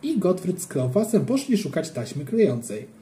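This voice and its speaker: Playful kids' story narration, bouncy and expressive, warm mellow voice. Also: medium pitch, moderate pace, slight background noise. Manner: animated, playful. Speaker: audiobook reader. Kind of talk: storytelling narration of a children's book.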